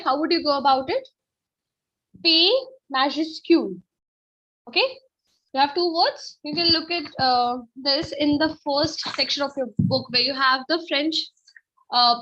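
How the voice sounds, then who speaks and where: A woman's voice: high voice, measured pace, bright, forceful tone. A woman teaching French on an online webinar, explaining step by step and often checking "okay?". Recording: dull, lo-fi webinar audio.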